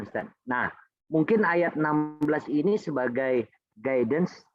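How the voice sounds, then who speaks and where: A man in a study session offering a thoughtful reflection, speaking haltingly and often pausing to find his words. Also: medium pitch, no echo, dull audio. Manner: thoughtful and halting, with fillers and restarts.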